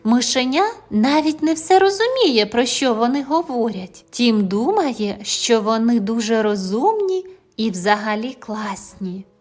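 A woman narrating a children's audio fairy tale in a gentle, expressive storytelling manner. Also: on the high side, a little slow.

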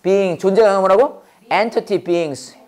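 A woman with a Korean accent teaching English at a church school, drilling phrases call-and-response and explaining quickly in Korean. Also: medium pitch, darkish tone. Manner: drills words by repetition, prompting the class to repeat; switches fast between slow English and rapid Korean explanation.

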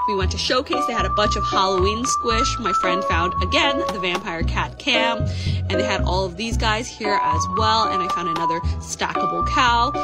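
A woman giving a casual, chatty voice-over about her shopping finds, enthusiastic with quick asides. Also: mid-range voice. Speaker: vlogger. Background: music.

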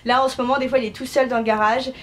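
Young french woman vlogging, slightly high voice, gushy and full of slang and fillers. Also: fairly even intonation, very fast, a bit bright, a little hiss or hum. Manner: chatty, gushing, slangy with many fillers. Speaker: au pair vlogger. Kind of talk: casual talk to camera.

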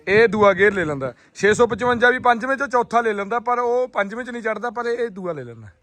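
A man's voice: high-pitched, expressive, fast, fairly bright tone, no room sound. A man with a Punjabi accent in casual, hearty banter, insisting and repeating his phrases like a farming vlogger. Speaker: tractor vlogger and farmer. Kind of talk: casual chat and banter outdoors. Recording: outdoor sound with faint vehicle noise.

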